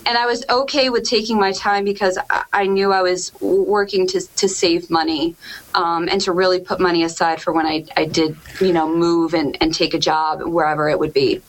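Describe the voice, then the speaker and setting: A woman's voice: fairly low pitch, flat delivery, normal speed, poor audio. A woman in her thirties from Connecticut, a TV meteorologist chatting as a guest on a show and laughing often as she acts out her own past thoughts. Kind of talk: casual interview chat.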